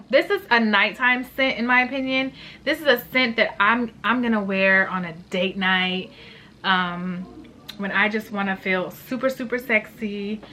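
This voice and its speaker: Bright-voiced chatty woman in her late 20s. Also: a little high, slight background noise. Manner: chatty, gushing, slangy. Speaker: beauty vlogger. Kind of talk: casual perfume review vlog.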